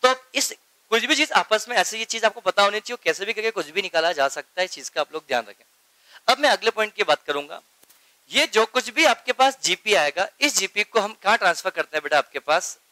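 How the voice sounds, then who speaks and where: A male accounting teacher lectures his class in a high, bright, forceful voice, animated and fairly quick, mixing Hindi with English accounting terms. He drills key terms through repetition, keeps checking that students follow, and calls them beta. The sound is dry and close, without room echo.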